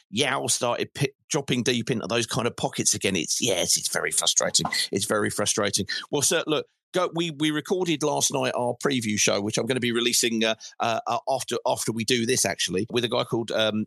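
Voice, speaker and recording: A man's voice: mid-range voice, creaky, fairly bright tone, dry recording. A middle-aged man, hosting a casual football phone-in in a chatty, rambling way, repeating phrases for emphasis. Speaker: football fan show host.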